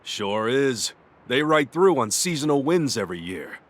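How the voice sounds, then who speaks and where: A man's voice: medium pitch, sing-song, moderate pace, a little hiss or hum, natural voice. A man playing a small, cocky, coffee-loving creature detective in a video game, with a wry, casual manner. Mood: relaxed, chatty. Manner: wry, self-satisfied, casual. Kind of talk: video game cutscene acting.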